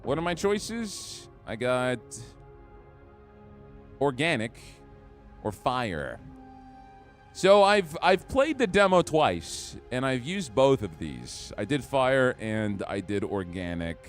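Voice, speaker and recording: A man giving excitable, jokey commentary while playing a game on a live stream. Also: mid-range voice, takes it slowly, soft background music. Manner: excitable, jokey trash talk.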